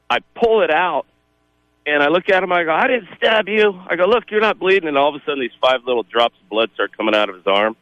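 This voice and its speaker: A man calling in to a radio show, telling a childhood story with animated, laughing delivery. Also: mid-range voice, dry recording, highs cut off. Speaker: caller. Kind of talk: phoned-in storytelling.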